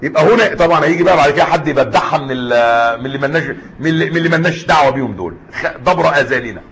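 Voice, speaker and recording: A man's voice: a little high, expressive, racing, fairly bright tone. A man with an Egyptian Arabic accent teaching Islamic jurisprudence in a class lecture, switching between formal and colloquial Arabic and putting questions to the students. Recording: dull lo-fi lecture recording.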